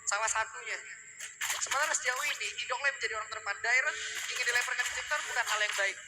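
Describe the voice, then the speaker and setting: A man with an Indonesian accent giving fast commentary as an esports shoutcaster. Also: very high-pitched, noisy background. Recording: loud music behind the voice.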